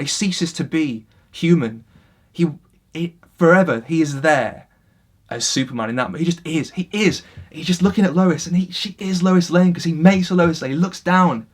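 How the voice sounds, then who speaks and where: A man vlogging a casual opinion rant to camera, passionate and animated, swinging between loud outbursts and quiet asides. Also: a little high.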